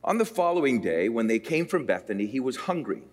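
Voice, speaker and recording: Expressive preacher man in a reverberant chapel. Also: mid-range voice. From Puerto Rico. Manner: expressive preacher, shifts between slow emphatic and quick phrases. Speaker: pastor. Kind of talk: sermon with scripture reading. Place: seminary chapel. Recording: long hall reverb.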